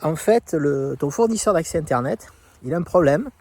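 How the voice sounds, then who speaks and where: A man's voice: a little high, lively intonation, moderate pace, a little mellow. Rambling man telling a story. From France. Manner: rambling, many fillers and restarts. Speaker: tech vlogger. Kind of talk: casual storytelling. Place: Ireland.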